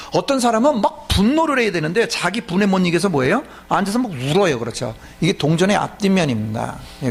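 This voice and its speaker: A man's voice: a little high, creaky, slightly rough. A man preaching and leading prayer, speaking emphatically and often checking with the audience. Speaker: pastor. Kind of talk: sermon teaching and leading prayer.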